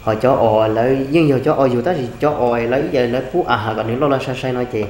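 A man's voice: mid-range voice, fast talker, darkish tone, slight background noise. A young man hosting a home cooking vlog, chatting casually as he cuts meat, sitting on the floor indoors. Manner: chatty, explaining while cutting meat. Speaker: vlog host. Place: indoor home room, seated on floor mat.

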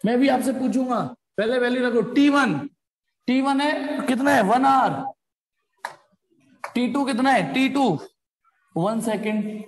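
A man's voice: very high voice, slow, long pauses, reverberant, slight background noise. A man teaching a physics class, calling his students beta and quizzing them as he works through each step. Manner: addresses students as beta, asks them questions.

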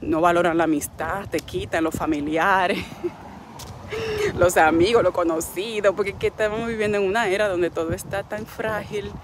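A woman's voice: mid-range voice, lively intonation, normal speed, noisy background. A middle-aged Dominican woman speaking with a Dominican Spanish accent, a wellness coach giving a frank, preachy, faith-based motivational talk. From Dominican Republic.

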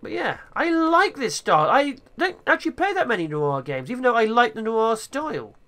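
Super high voiced guy doing playful game commentary, bright and lively, excitable, faint game music. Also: normal speed. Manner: excitable, theatrical. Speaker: gaming video host.

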